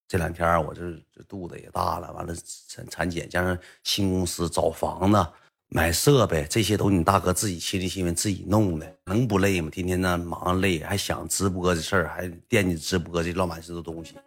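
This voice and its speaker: Brief: a man playing a calm young wife, low, husky, hushed. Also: a little fast, heavily acted. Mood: soothing. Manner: quiet, gentle, explaining. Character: soft-spoken pregnant young wife, calm and soothing.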